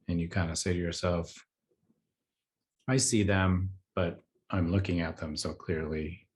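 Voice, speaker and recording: Male meditation teacher, very low voice, relaxed chatty delivery. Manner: relaxed and conversational, many fillers, light laughs. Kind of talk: casual spoken teaching.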